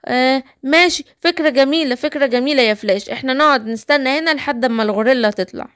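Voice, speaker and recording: A woman's voice: high-pitched, racing, fairly bright tone, smooth. A woman with an Egyptian accent voicing a timid, worried young lion cub. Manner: anxious, calling out.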